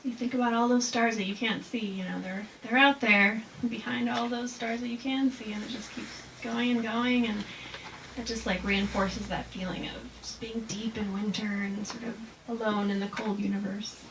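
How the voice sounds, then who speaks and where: A woman poet giving an informal reading and talk about haiku, slow and deliberate when she recites verse. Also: on the high side, fairly even intonation, fairly bright tone, distant mic. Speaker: haiku poet presenting her work. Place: live reading before a small audience. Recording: noisy room with clear background noise.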